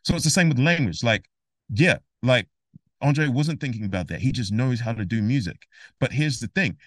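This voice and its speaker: A man talks on a casual podcast with lively, emphatic energy and often slips into imagined exchanges to make his point. His voice sits in a middle register. The sound is dry and close. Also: mid-range voice, moderate pace, no room sound. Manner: animated, emphatic, acts out imagined dialogue. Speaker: guest, rapper and music theory educator.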